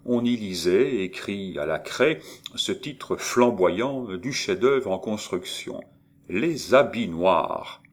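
A man narrating a classic novel in a measured, expressive reading. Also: lowish voice.

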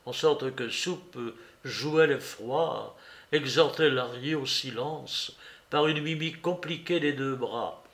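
A man reading a literary novel aloud as an audiobook narrator, measured and expressive. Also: medium pitch. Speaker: audiobook reader.

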